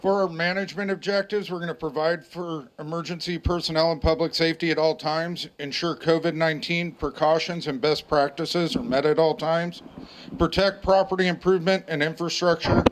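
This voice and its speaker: An American man with a slightly high voice reads out a formal operational briefing. He moves through procedures in measured, list-like phrases, with faint noise behind him. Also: steady tone, rough recording. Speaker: planning section chief leading a briefing.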